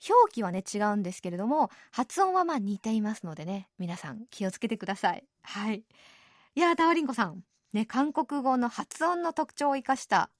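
A woman hosting a radio program in a chatty, easygoing way, often adding soft tag particles as she explains things. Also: medium pitch, no room sound, clean studio sound. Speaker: radio show host. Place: radio studio.

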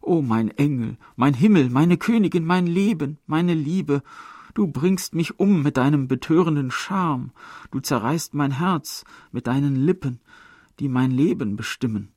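A man's voice: on the high side, animated, measured pace, darkish tone, no room sound, studio quality, pitched above the performer's own voice. A man voicing an ardent young male lover who gushes and pleads in theatrical declarations. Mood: pleading. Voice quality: gushing, theatrical.

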